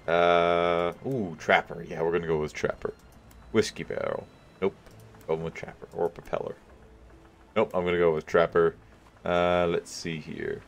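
Deep-voiced man musing over game choices. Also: steady tone, normal speed. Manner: thinking aloud, musing over choices with chuckles. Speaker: gaming video host. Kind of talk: casual gameplay commentary.

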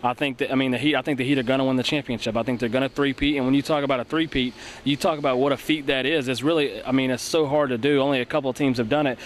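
A young man runs through post-game analysis at a rapid clip, earnest and full of restarts. He speaks into a handheld mic in an empty arena. Faint ambience hums behind him. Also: mid-range voice, steady tone, a little hiss or hum. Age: young adult. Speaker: sports broadcaster co-host. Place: empty indoor basketball arena. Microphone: handheld mic held by co-host.

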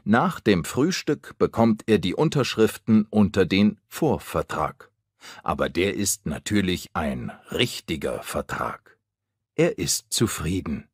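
Male narrator, slow and clear for learners; lively pitch, dry close recording. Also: no echo. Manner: clear and deliberate. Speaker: narrator of a language-learning story. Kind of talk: slow scripted storybook narration.

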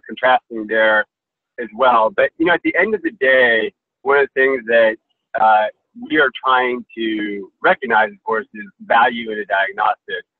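A man's voice: mid-range voice, dry recording. Man on a breaking-up video call. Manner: measured, filler-heavy explaining. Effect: heard over a video call that cuts out. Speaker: investor panelist. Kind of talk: webinar panel answer. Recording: tinny phone-like call audio, dry.

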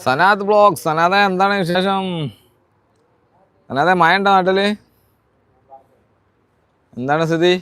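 A man's voice: sits high, slow pace, pauses often, fairly bright tone, clear, resonant tone, dry recording. A man with a northern Kerala Malabar accent chatting casually as a live-stream vlogger, greeting viewers and repeating his phrases and questions. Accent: northern Kerala (Malabar) Malayalam. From Kozhikode district, Kerala, India.

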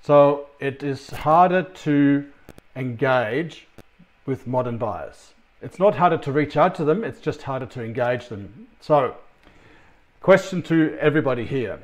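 In an animated, mid-range voice at a measured pace, a middle-aged sales consultant with an Australian accent presents a recorded conference talk from his office. He keeps it chatty and conversational, with plenty of ums and restarts.

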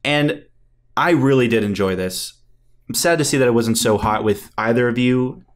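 Eager, mid-pitched male podcast co-host, quick to laugh. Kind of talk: casual album review chat.

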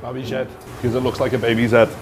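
A man's voice: medium pitch, little pitch movement, very fast. A man in his twenties with a Scouse Liverpool accent, chatting informally and slangily as he presents a casual food review. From Liverpool, England. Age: 20s. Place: small tiled chip shop, indoors. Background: music.

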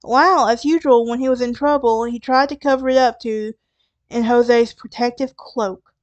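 Southern woman hosting a true crime podcast: smooth, clear voice, casual storytelling with wry asides. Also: a little high, steady tone, normal speed, no room sound, dull audio. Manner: conversational, with asides and restarts. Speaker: podcast host.

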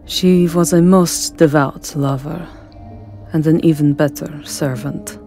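A woman's voice: deep voice, fairly even intonation, slow, mellow, faint music behind. A woman playing an imperious, seductive vampire countess in an ASMR roleplay, speaking in a languid, aristocratic and commanding way. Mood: cold, commanding. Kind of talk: dramatic ASMR roleplay acting.

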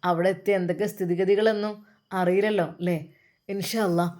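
A woman's voice: lowish voice, fairly even intonation, fairly quick, a little mellow, lightly acted. Woman doing a kindly male teacher giving advice. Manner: kindly advising. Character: friendly male religious teachers seeing off a friend.

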